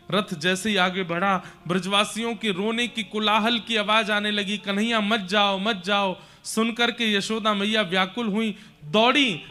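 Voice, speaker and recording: A man telling a devotional scripture story with emotive, dramatic narration. His voice sits high and bright, and faint music plays behind him.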